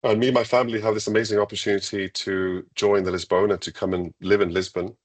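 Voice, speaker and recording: A man from Iceland, an international school leader, answering questions in a live interview, enthusiastic and measured, with frequent ums and restarts. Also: fairly low pitch, level tone.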